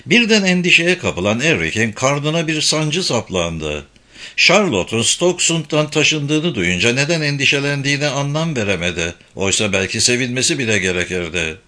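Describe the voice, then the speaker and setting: Animated, bright-voiced male narrator. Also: medium pitch, moderate pace. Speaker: audiobook narrator. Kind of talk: scripted narration.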